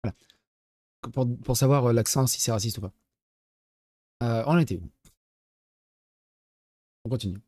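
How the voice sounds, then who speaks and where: A man's voice: mid-range voice, normal speed, pauses often, dark tone, no echo, studio quality. A man streaming live, reacting to clips with sarcastic, mocking asides and reading chat messages aloud. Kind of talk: casual live-stream commentary.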